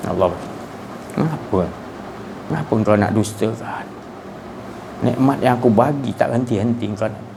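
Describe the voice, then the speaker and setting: A man's voice: medium pitch, noisy background. A man with a Malaysian Malay accent giving a colloquial religious talk, who speaks rhetorically and keeps firing tag questions at his listeners. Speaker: preacher.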